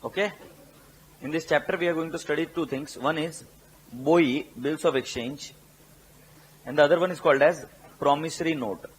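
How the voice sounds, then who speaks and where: Lecturing on accountancy to a class, this man speaks with an Indian English accent and a voice that is a little high, mixing Hindi with English. He repeats key terms slowly for dictation and quizzes his students, with slight background noise present.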